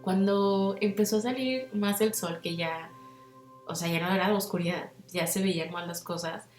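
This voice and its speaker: Mexican woman, young, casual podcast storytelling, slangy, lively quoting, echoey room. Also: mid-range voice, normal speed, faint music behind. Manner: animated, slangy, acts out quotes with big voice swings. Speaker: podcast host.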